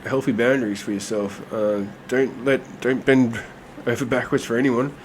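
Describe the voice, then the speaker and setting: Sounding congested and nasal from a cold, a man with a mid-range voice gives a chatty tarot reading at a moderate pace. He's relaxed and heavy on fillers, with slight background noise.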